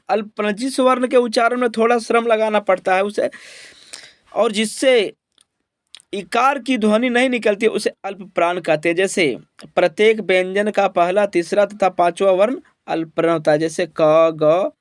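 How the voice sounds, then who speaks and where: High-voiced teacher with a dry, close sound. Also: male voice, normal speed, dry recording. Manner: repeats each point as a question and answer, "ठीक है?" checks. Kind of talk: exam prep lesson.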